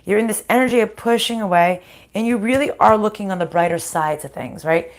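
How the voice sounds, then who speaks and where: Groggy-voiced woman improvising a card reading. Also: mid-range voice. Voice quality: groggy, slightly hoarse. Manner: halting, thinking aloud, conversational. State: groggy, recovering from voice loss and sinus infection. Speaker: spiritual card reader hosting a live reading.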